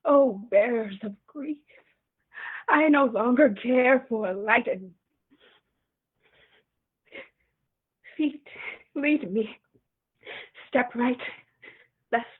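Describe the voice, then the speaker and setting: A woman's voice: on the high side, slow, long pauses, breathy edge, phone-quality sound. An actress playing an old widowed queen turned slave, lamenting with crying in her voice. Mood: wailing grief. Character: old widowed enslaved queen, grief-stricken. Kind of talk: stage play reading.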